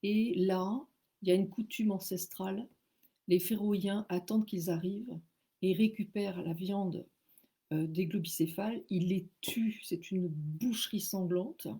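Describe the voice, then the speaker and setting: A French woman tells her own story at an unhurried pace, her voice slightly husky. She is animated and self-mocking, and she stumbles and repeats words as she goes. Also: medium pitch. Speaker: author telling her story. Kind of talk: casual spoken storytelling.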